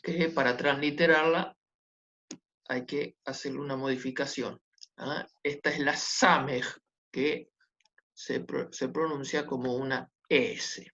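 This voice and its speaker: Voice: medium pitch, fairly even intonation, takes it slowly, a bit bright, highs cut off. A teacher giving a class, patient and repetitive, often checking that the students follow. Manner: patient, repetitive, checks understanding with tag questions. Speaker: Hebrew teacher. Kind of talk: online class lesson.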